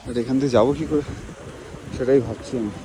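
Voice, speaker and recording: Bengali-accented man, travel vlogger, short of breath at altitude, paced and excited, outdoor wind noise. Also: mid-range voice. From Bengal, India. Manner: talks slowly to save breath, excited exclamations. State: short of breath at high altitude, dry throat. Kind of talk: casual vlog walk-and-talk. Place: outdoors on a snowy mountain pass.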